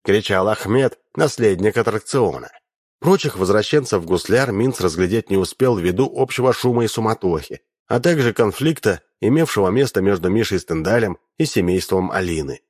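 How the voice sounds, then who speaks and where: A man reading a story aloud, with animated storytelling. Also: lowish voice, normal speed, slightly rough, no echo, studio quality. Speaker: audiobook reader. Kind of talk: expressive audiobook narration.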